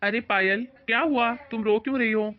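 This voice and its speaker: A woman putting on a man's voice as a calm, caring young husband in a family drama. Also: a little high, moderate pace, pitched below the performer's own voice, natural voice. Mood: soothing. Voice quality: soothing, gentle. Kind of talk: Hindi family drama acting. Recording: dry, dull lo-fi audio.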